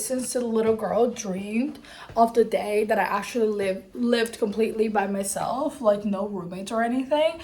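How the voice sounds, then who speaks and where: A young woman vlogging to camera in a casual, chatty, expressive and informal way. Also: fairly high pitch. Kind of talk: casual vlog chat to camera. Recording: clear background noise, travel ambience.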